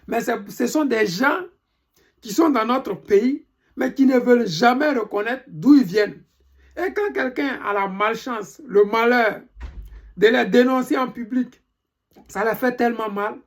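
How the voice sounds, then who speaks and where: An Ivorian political commentator residing in Europe delivers an indignant monologue to his followers, insistently repeating questions in his Ivorian French accent. He keeps a measured pace in a mid-range voice.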